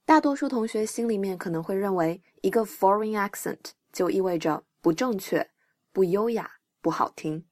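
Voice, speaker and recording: A woman's voice: mid-range voice, moderate pace, a little mellow, no room sound. Encouraging woman English teacher, dry studio sound. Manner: encouraging, explains terms step by step. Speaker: English teacher and podcast host. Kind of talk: scripted podcast lesson.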